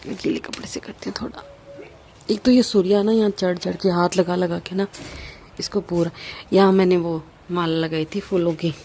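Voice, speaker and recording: A woman's voice: lowish voice, mellow, slight background noise. A young woman chatting casually through a home vlog. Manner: chatty, coaxing a toddler with playful repetition. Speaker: vlogger.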